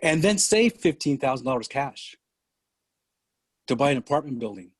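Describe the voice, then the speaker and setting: An older man from San Francisco, a podcast guest telling his story slowly and deliberately over a video call. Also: medium pitch, very animated, breathy edge, no room sound. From San Francisco, USA. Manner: slow, deliberate storytelling with pauses. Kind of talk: conversational interview.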